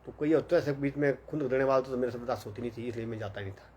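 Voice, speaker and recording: A young man with a lilt rambles through a personal story, with plenty of fillers and with each character's lines quoted. His voice sits at an ordinary middle pitch. A faint hiss of background noise sits under it. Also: very fast, darkish tone. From Himachal Pradesh, India. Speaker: vlogger. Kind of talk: casual storytelling monologue.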